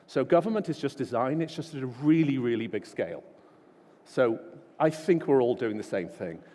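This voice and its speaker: A man's voice: mid-range voice, expressive, normal speed, warm tone. A man giving an informal, self-deprecating keynote talk full of stories at a large conference. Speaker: conference speaker. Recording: long hall reverb.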